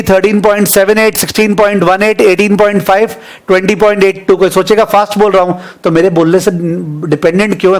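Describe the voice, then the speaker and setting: A high-pitched male teacher with an Indian English accent leads a live online finance class. He reads out figures slowly and repeats them for dictation. Between numbers he teases his students by name.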